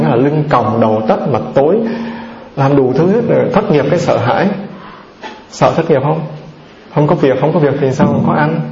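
Gravelly-voiced monk giving a dharma talk. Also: male voice, medium pitch, dark tone. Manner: asks the audience questions and answers them himself; lists terms one by one. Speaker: Buddhist monk teacher. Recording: roomy, dull, slightly noisy recording.

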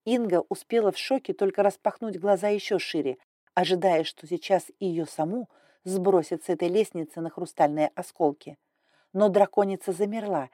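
A woman narrates a fantasy novel in a mellow, low-set voice. Her reading is even and measured, recorded close and dry with no room sound. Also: dry recording. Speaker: audiobook narrator. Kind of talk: scripted narration.

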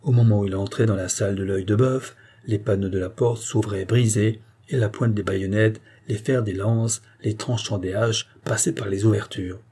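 A man narrating a historical novel as an audiobook in a steady, measured storytelling voice. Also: lowish voice, breathy edge.

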